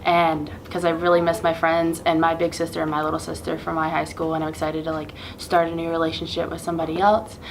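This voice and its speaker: Bubbly young sorority woman, lower-pitched. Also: level tone, fast, hardly any pauses, a little hiss or hum, rough recording. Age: young adult. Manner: bubbly, gushing sorority-girl chatter. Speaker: new sorority member. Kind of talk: casual testimonial to camera.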